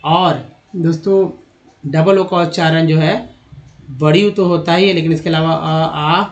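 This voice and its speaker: A man's voice: a little high, fairly even intonation, unhurried, lo-fi sound. A man teaching English pronunciation, spelling words letter by letter, repeating them and asking the listener rhetorical questions. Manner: addresses viewers as friends and asks rhetorical questions. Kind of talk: spoken lesson.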